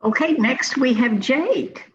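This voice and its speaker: A woman's voice: high voice, animated, slow pace, fairly bright tone, breathy edge. A woman introducing panelists one by one over a video call, in a businesslike manner. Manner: brief, businesslike hand-offs. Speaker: program manager chairing a grant panel. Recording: dull lo-fi video call audio.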